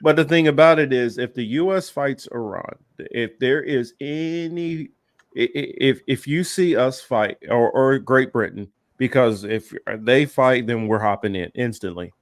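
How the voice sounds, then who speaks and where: A man's voice: medium pitch, measured pace, no echo. A man co-hosting a casual political talk, rambling and emphatic, with many fillers and restarts. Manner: heated, emphatic. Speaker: podcast co-host.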